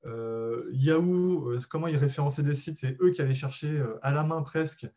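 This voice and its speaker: His voice runs a little high, warm and easygoing, as he hosts a live SEO webinar. He walks listeners through material patiently, pausing frequently to find the right words, and speaks to them directly and courteously.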